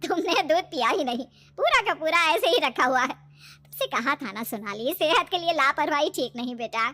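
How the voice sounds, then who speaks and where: A woman voicing a caring middle-aged mother who gently scolds and soothes her grown daughter in a storybook tale. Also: high voice, expressive, normal speed. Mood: worried, caring. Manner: soothing, fussing, affectionate.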